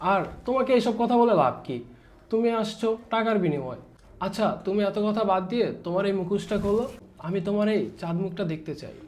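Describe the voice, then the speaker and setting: A man's voice: high-pitched, natural voice. A man playing a lecherous, boastful office boss in a short film, with a leering, wheedling manner. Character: lecherous rich young office boss, brash. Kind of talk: amateur short film acting.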